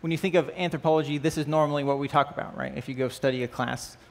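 On an indoor church stage with band gear, a man opens a class lesson with prayer and teaches in a relaxed, conversational way. His voice is fairly high and steady, and he's a fast talker. He asks the class questions often and fills his speech with "uh" and "right?"

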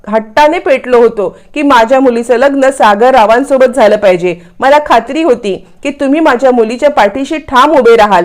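A woman's voice: sits high, a little mellow. A woman narrator voicing a stern father who firmly reproaches his daughter's in-laws. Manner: firm, reproachful.

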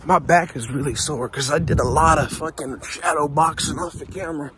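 A man's voice: fairly high pitch, a little fast, background noise. A young man talking to his camera while running outdoors, out of breath, blunt and swearing, pushing himself along. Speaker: vlogger. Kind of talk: casual running vlog. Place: outdoors on a neighborhood street at dawn.

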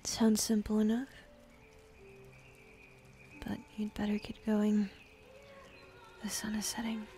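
In an ASMR roleplay, a woman plays a bossy, jaded female demon, speaking softly, often half-whispering, and letting out dismissive sighs. Her natural, mid-range voice stays monotone and slow, with long pauses. The mood is aloof but softening.

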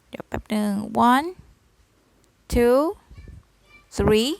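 A woman teaching English numbers to young students, slowly spelling each word letter by letter and using polite particles. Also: on the high side, a little mellow, smooth, no echo. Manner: slow, spells words letter by letter. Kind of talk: slow number drill lesson. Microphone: phone screen recording.

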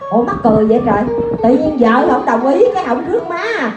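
A woman's voice: high voice, lively intonation, dull audio. A woman with a Southern Vietnamese accent playing a chattering daughter who fusses over her mother while loading her with chores. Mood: indignant. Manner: rapid, fussing and exclaiming. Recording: echoey stage with music.

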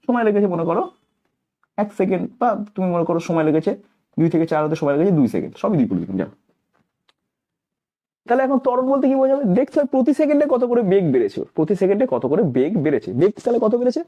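A middle-aged man teaches physics at a rapid clip, his voice high for a man and full of lively swings. His tone stays dark and mellow as he asks questions and answers them himself, dropping English terms into his explanations. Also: dull audio. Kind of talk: explanatory classroom lecture.

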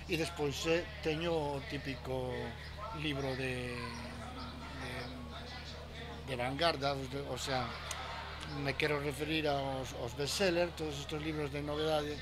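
A middle-aged man, a bookshop manager, speaking in a street interview at an outdoor book fair stall, hesitant and halting with many repeated words. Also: medium pitch, steady tone. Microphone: handheld reporter mic.

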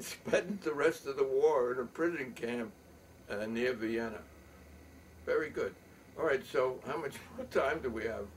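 An older man telling a story in a rambling, halting way, with many pauses and fillers. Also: medium pitch. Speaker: show host. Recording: distant mic with faint room noise.

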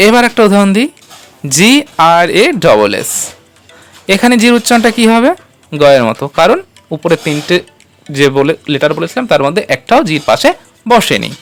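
A woman's voice: lowish voice, very animated, normal speed, pauses often, faint music behind. A woman teaching English pronunciation in a step-by-step spoken lesson, patiently spelling out letters and quizzing the viewer.

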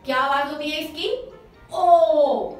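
A high-pitched woman teacher leads a children's lesson. She patiently repeats each sound loudly for the class to copy. She sounds distant and very echoey, with faint music underneath. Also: normal speed.

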